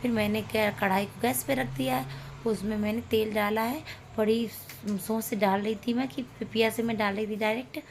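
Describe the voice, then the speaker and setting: Woman, cooking vlog host, fairly high voice, chatty and homely, faint background hiss. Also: steady tone, moderate pace, darkish tone. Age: adult, a mother of young children. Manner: chatty and homely, with playful asides. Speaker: home cooking channel host. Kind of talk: casual cooking vlog narration. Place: home kitchen at the stove.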